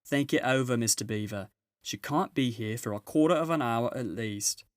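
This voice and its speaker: A man's voice: mid-range voice, dry recording, clean studio sound, close to an everyday voice. A man voicing a bustling, unflappable, motherly female beaver in a storybook, with folksy, fussy talk. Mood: brisk, unhurried. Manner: folksy, coolly unhurried.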